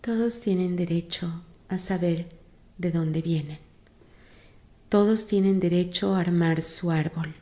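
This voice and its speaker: A Mexican woman, a psychologist and institute director, giving measured explanations in an interview. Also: on the low side, warm tone.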